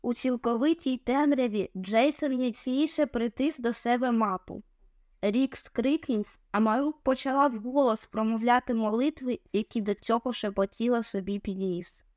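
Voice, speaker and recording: A woman's voice: fairly high pitch, moderate pace, darkish tone, no echo, studio quality. Woman narrating a children's audiobook.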